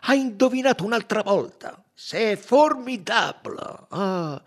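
An excitable doctor bursting with admiration, as a male reader acts him out. The voice leaps very high and lively, with a husky texture. An audiobook reading. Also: takes it slowly, exaggerated voice. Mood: admiring. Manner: exclaiming, admiring.

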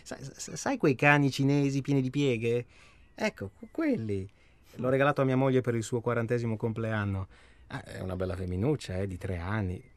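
Here the actor voices the same kind of anxious, talkative middle-aged husband, faltering, circling back on his words and seeking agreement. The medium-pitched male voice moves at a moderate pace, close to everyday speech, recorded dry, and sounds chatty and sheepish.

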